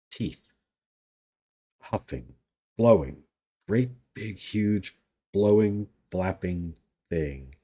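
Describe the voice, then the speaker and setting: A man's voice: sits low, warm tone, husky, full character voice. A man voicing an earnest, simple young male watchman who guesses eagerly and sounds puzzled, in a read-aloud story.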